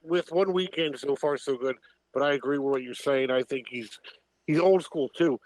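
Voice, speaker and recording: A mid-pitched male voice in casual talk. He gives dry, teasing remarks between his plain opinions, recorded close without any room sound. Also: moderate pace, darkish tone, no room sound, low-quality recording. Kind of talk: casual chat.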